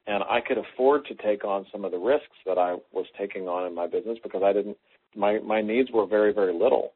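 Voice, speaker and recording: Casting: lower-voiced man, husky, animated storyteller, narrow phone-quality audio. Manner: animated storyteller, acts out quotes. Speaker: co-host. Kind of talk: conversational teaching. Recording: phone-like lo-fi line.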